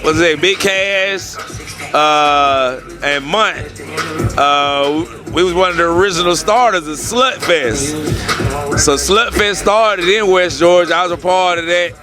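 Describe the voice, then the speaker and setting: A man who works as a club DJ, chatting casually in an interview with a laid-back, drawn-out way of talking full of fillers. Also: high voice. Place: strip club, music playing. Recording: loud music behind.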